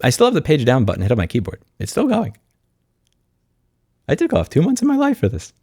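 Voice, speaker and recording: This YouTube host and consumer rights advocate speaks at a medium pitch with huge swings, a little quickly, in a dark, husky voice. His unscripted vlog monologue is a screen walkthrough, blunt and sardonic in tone, recorded with studio quality and no echo.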